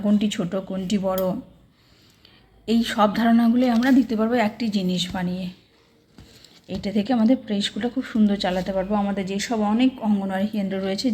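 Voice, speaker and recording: A woman's voice: mid-range voice, darkish tone. A woman, a preschool worker, explaining a cardboard craft step by step in a casual way with many fillers. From Bengal.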